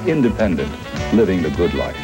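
A man's voice: low-pitched, very animated, fairly quick, loud music behind the voice, low-quality recording. A middle-aged American man presenting a scripted infomercial, posing rhetorical questions. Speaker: infomercial host.

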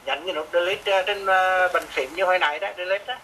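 A man teaching music software to a student, with a fairly high, bright voice. He gives patient, repetitive step-by-step instructions. Faint noise sits behind him. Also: quick pace, poor audio. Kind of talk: remote software lesson.

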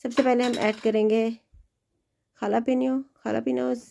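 A woman's voice: a little high, flat delivery, unhurried, creaky, warm tone, slight background noise, low-quality recording. A woman hosting a home cooking video, chatting in an encouraging way as she cooks in her kitchen. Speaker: home cooking channel host. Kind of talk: casual cooking demonstration.

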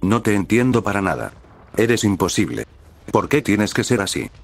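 A man voicing a distraught, anxious young woman in a story reading, delivered in a flat, even way. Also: on the low side, normal speed, gravelly, exaggerated voice. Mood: furious.

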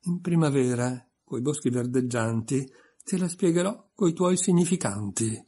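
A man's voice: mid-range voice, lively intonation, unhurried, mellow, husky. A man reading an audiobook voices a pompous, stern egg creature reciting verse.

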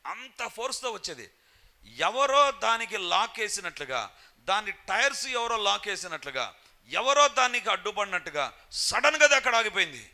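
Bright-voiced preacher telling a story. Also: male voice, high voice, very animated, moderate pace. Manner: storytelling, acts out shouted quotes. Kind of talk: sermon testimony.

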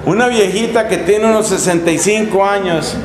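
High-voiced friar preaching. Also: male voice, normal speed, crowd noise. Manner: lively storytelling, acts out scenes with humor. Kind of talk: sermon. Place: chapel in a monastery. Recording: echoey room, faint hum.

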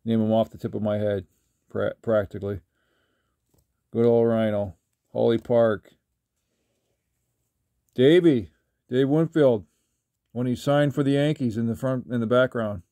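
An older man talking casually while sorting trading cards, rambling with halting restarts. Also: mid-range voice, mellow, no echo, clean studio sound. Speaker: trading card collector. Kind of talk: casual card-flipping commentary. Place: indoors at a table.

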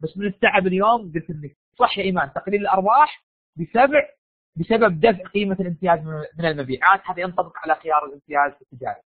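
Fast, high-voiced Saudi lecturer, sick. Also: male voice, dry recording. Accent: Saudi Arabian. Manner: animated, coaxes students with quiz questions. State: sick, sore throat. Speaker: university lecturer. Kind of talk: live online lecture. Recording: dry, phone-like online lecture audio.

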